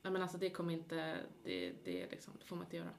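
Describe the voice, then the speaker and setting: A woman's voice: lowish voice, sing-song, gravelly, a little hiss or hum. A woman with a Stockholm accent chatting casually and jokingly as a podcast co-host.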